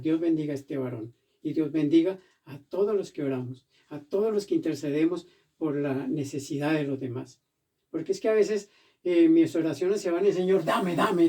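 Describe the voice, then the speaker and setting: A man preaching a sermon as pastor in a church, animated and acting out the voices he quotes. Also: fairly high pitch, recorded from a distance.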